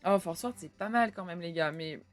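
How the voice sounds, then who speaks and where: A woman's voice: on the low side, moderate pace, soft background music. A young woman streaming live, chatting casually with her viewers and swearing offhandedly.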